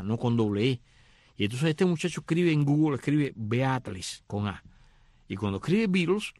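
Here a middle-aged man, a radio host, recounts a movie's plot in a relaxed way, voicing the characters' dialogue with lots of animation. He speaks at a medium pitch on a recording free of room sound.

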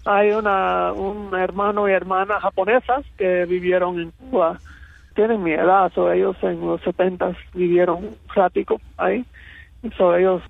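A man from Miami with an American accent in his Cuban-rooted Spanish, telling personal stories as an interview guest, halting and slipping in English words. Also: high-pitched, steady tone, gravelly, no echo, phone-quality sound. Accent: American-accented Spanish with Cuban roots. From Miami, United States.

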